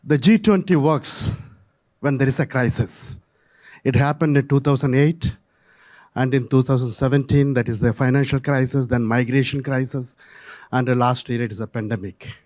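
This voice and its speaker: A man in the audience asking a question in a measured way, pausing with fillers. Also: medium pitch, fairly even intonation, a little mellow. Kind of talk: question from the floor.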